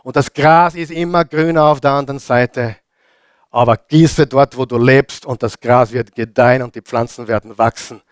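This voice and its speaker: A man with an Austrian German accent preaching a sermon as pastor. He hammers home repeated phrases, asks the congregation questions, and swings between loud and hushed delivery. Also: mid-range voice, steady tone, moderate pace, clean tone, dry recording, clean studio sound.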